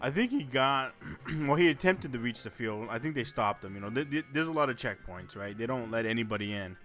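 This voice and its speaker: A man's voice: mid-range voice, animated, fairly quick, a bit bright, faint music behind. A man hosting a casual podcast, telling rambling anecdotes, often breaking into laughter and swearing freely. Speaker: podcast host.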